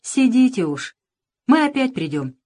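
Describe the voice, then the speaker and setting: A woman reading a storybook and voicing a rough, superstitious village boy who talks gruffly and in hushed tones. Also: a little high, very animated, a little slow, pitched above the performer's own voice. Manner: gruff whispering.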